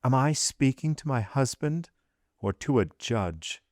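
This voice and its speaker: A man reading aloud, voicing a frightened young noblewoman who stammers and pleads in a raised, drawn-out voice. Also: mid-range voice, very animated, a little mellow, no room sound, studio quality, natural voice. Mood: terrified, pleading.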